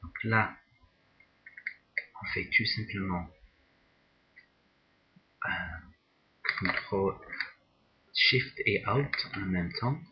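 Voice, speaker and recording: A man teaching a software drawing tutorial, talking slowly and hesitantly, often repeating words as he works. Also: on the low side, dull audio, a little hiss or hum. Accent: non-native English pronunciation. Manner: slow, hesitant, repeats words while working. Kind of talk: screen-recorded software tutorial.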